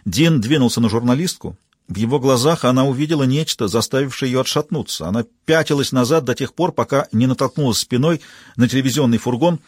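A man reading a novel aloud in steady, even scripted narration. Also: mid-range voice, fast, no room sound, clean studio sound. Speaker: audiobook narrator.

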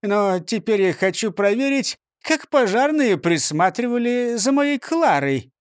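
A man voicing a fussy male mayor who speaks slowly and pleadingly, read as a storybook. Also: high-pitched, lively intonation, dry recording, clean studio sound, voice pushed up. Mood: mild. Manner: slow, pleading, sobbing over his parrot. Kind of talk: storybook reading.

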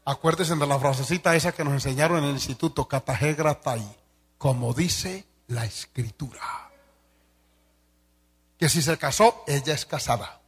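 A man pastor preaching a sermon to fellow pastors. He reads each point slowly, explains it emphatically, speaks straight to his listeners and acts out quoted dialogue. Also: a little high, a bit bright, slightly rough, long reverb tail.

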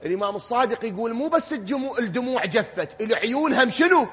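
Iraqi preacher shouting in a reverberant hall. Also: male voice, expressive, fast talker, slightly rough. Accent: Iraqi Arabic. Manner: swings from low quiet talk to loud shouted wailing. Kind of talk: Shia mourning sermon from the pulpit. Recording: dull sound, long hall reverb.

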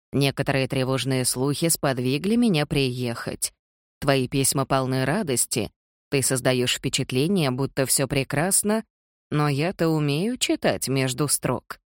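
An audiobook reader voicing a shrewd, blunt great-aunt in her nineties or older, in a slow, deliberate delivery. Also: medium pitch, dry recording, clean studio sound, close to an everyday voice. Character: sharp-eyed elderly great-aunt, blunt.

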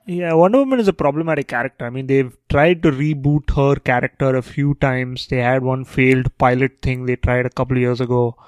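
A man's voice: medium pitch, brisk, hardly any pauses, no room sound. A man co-hosting a casual podcast chat, his remarks wry and sarcastic. His voice sits mid-range, recorded close and dry with no room sound. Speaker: podcast co-host.

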